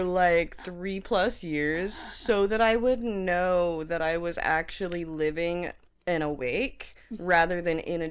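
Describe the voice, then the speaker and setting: Dull-sounding, low-pitched woman chatting casually. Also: clean tone. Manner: rambling, halting, filler-heavy storytelling. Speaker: co-host of a challenge show. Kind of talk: casual chat.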